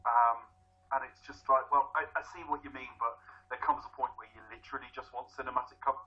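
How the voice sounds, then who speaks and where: A man on a podcast panel, arguing his points in casual chat with quick interjections. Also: medium pitch, fairly even intonation, highs cut off.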